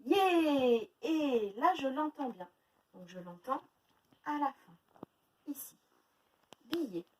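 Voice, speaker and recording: A woman teaching a phonics lesson to young children, sounding out words slowly syllable by syllable. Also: high voice, lively intonation, recorded from a distance, low-quality recording. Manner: slow, exaggerated syllable-by-syllable pronunciation. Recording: faint noise, voice a little off-mic.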